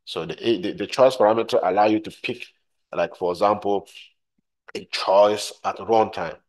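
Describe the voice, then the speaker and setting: A man with a low, deep voice narrates a screen-recorded software lesson over a desktop mic. He talks the viewer through each step, says things twice and checks in with a steady "right?" as he goes. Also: normal speed. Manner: repeats points, frequent "right?" checks. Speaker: tutorial instructor.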